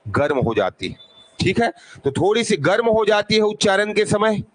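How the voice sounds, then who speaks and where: A man's voice: high voice, sing-song, normal speed. A man teaching a classroom grammar lesson, asking questions and answering them himself, repeating sounds to demonstrate them.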